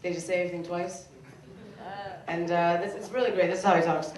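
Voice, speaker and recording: A young woman from Michigan performing a stand-up comedy set in a club, playful and animated, slipping into voices of other people. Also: fairly low pitch, fairly quick, a crowd in the background. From Michigan, USA. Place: comedy club stage before a laughing audience. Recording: roomy, distant club recording with noise.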